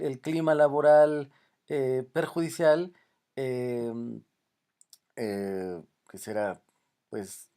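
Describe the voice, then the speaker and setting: A man lecturing off the cuff at an ordinary middle pitch. He fills pauses with drawn-out "eh" sounds and keeps checking in with "¿no?" after his points. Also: a little mellow. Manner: unscripted, many "eh" fillers and "¿no?" tags. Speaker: university lecturer. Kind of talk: recorded lecture.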